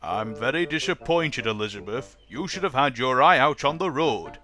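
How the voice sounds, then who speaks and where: A man's voice: medium pitch, lively intonation, moderate pace, bright, forceful tone. A man voicing a stern middle-aged railway boss who scolds firmly. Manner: scolding, firm.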